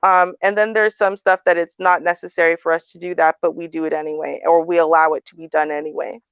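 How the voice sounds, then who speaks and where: A woman's voice: lowish voice, flat delivery, fast, clean tone, no echo. A woman talks bluntly and frankly in a casual panel discussion, scattering fillers as she goes. The recording is dry and dull, with little room sound and a muffled top end. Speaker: panel host.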